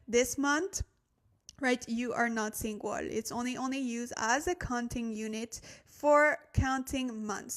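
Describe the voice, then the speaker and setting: A woman hosting a casual livestream language lesson, chatting directly to viewers and thinking aloud as she checks and corrects herself. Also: a little high. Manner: addresses viewers directly, thanks new followers.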